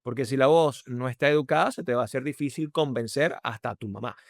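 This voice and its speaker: A man's voice: quick pace, no room sound. Venezuelan man with a dry, close sound. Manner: emphatic, varies his pitch and loudness to demonstrate. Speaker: podcast guest, voice and communication speaker. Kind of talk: conversational explanation.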